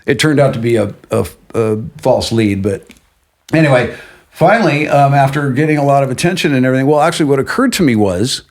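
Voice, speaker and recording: A middle-aged man appears as a guest on an interview podcast, recounting a personal story in a casual, animated way. His mid-range voice moves briskly, and he acts out what other people said.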